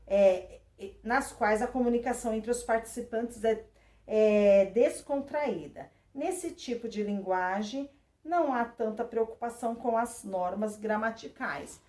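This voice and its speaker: A woman teacher, reading and explaining a textbook lesson at an even, patient pace. She keeps checking in with her students through tag questions. Her voice sits a little away from the microphone in a roomy space. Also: fairly high pitch, recorded from a distance. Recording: roomy sound, voice away from the mic.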